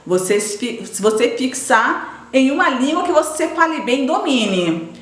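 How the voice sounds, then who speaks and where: A middle-aged woman with a Brazilian Portuguese accent talks straight to her viewers in a loose, chatty way, often breaking off and restarting. Her voice sits fairly high, and the recording carries a noticeable roomy echo. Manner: chatty, addresses viewers directly, frequent restarts. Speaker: vlogger and educator. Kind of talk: casual chat to viewers.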